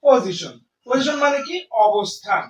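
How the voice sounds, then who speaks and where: A man teaching English grammar to students in Bengali and English, explaining slowly and answering his own questions. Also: extremely high pitch, sing-song, a bit bright, echoey room, far from the mic, rough recording. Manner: explains slowly, asks and answers own questions, often says "ঠিক আছে". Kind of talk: classroom lecture in Bengali and English.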